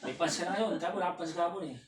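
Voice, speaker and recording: A Filipino man coaching a patient through exercises, counting reps aloud and shouting cheers. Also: sits high, very fast. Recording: roomy, distant, faint room noise.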